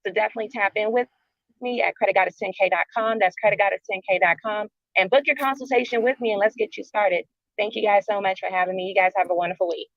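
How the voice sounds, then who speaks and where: A woman calls in on a phone from her car while she drives. Her voice is gravelly and dry, with no room around it, and it comes through muffled and lo-fi. She speaks loosely and chattily, with plenty of filler. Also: medium pitch, steady tone, quick pace, no echo. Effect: speaking from a moving car over a phone. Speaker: credit consultant. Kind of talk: casual promotional outro on a live audio room.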